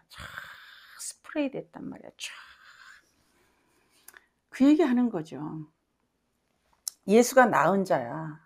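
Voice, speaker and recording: A woman's voice: medium pitch, a little mellow. A middle-aged woman pastor preaching a sermon with personal testimony, emphatic and often asking her congregation questions.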